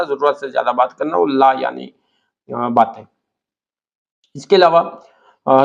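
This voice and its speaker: A male teacher with a Pakistani Urdu accent works through an exam-prep lecture, reading each question and then its answer. His voice has a gravelly edge, and he lists synonyms one word at a time. The recording sounds dull and lo-fi. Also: fairly high pitch.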